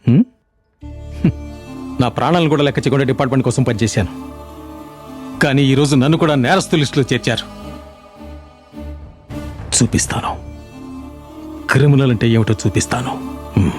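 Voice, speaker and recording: A man's voice: mid-range voice, fast talker, pauses often, faint music behind, lightly acted. Man playing a fierce, bitter suspended cop. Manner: shouts angrily, then speaks bitterly. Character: bitter suspended male police officer, proud and fierce. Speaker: police officer.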